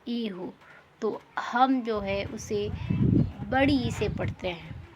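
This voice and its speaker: A woman's voice: medium pitch, very slow, very noisy. A woman teaching English pronunciation rules, repeating each rule and asking the class questions.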